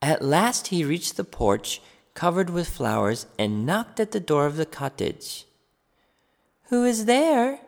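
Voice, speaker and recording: A man reading a fairy tale aloud for children, slow and expressive. His pitch rises and falls in lively swings, with a gravelly edge to the voice. A long, echoey reverb hangs on every word. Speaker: storybook reader. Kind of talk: children's story narration.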